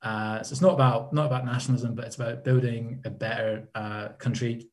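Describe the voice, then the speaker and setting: A man's voice: mid-range voice, steady tone, a little fast. A young man from Poland in his twenties, a council candidate giving hesitant panel answers with many fillers.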